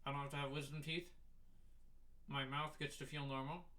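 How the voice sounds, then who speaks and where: A young man hosting a casual solo podcast, talking in a rambling, halting way with a sore, numb mouth after dental surgery. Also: fairly high pitch, little pitch movement, sharp tone. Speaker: podcast host.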